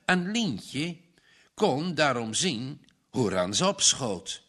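Slow, lively man reading a story. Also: medium pitch. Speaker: narrator.

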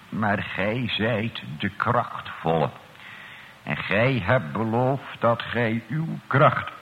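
A man leading a slow, solemn church prayer and sermon as pastor, addressing God in archaic, formal words. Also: medium pitch. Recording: old radio broadcast, tinny, echoey church.

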